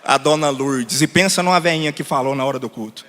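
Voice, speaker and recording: A man, preaching a sermon as pastor and telling a story in an animated way to the congregation. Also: mid-range voice, quick pace, slight background noise. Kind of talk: sermon testimony. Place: church hall. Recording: long reverb of a church hall.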